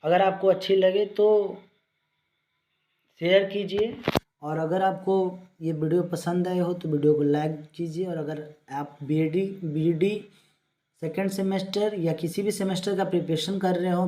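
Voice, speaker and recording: A teacher giving an exam-prep lecture, reading English definitions slowly and then explaining them in Hindi with everyday examples, in a loose, rambling delivery with frequent restarts. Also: mid-range voice, fairly even intonation, dark tone.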